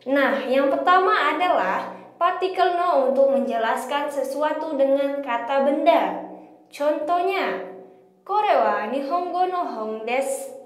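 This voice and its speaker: A woman teaching a recorded language lesson, reading example sentences aloud and then translating each one. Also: high voice. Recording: echoey room.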